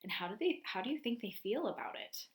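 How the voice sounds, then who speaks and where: Here a woman teacher brings a picture book to life for small children, frequently asking her listeners questions as she goes. Her pitch is medium and she reads fast.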